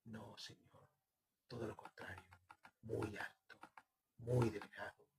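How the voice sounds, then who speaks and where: A man voicing a distraught, grieving mother who answers haltingly and blames herself. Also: fairly low pitch, flat delivery, creaky, noisy background. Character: distraught mother, middle-aged woman, grieving and self-reproaching.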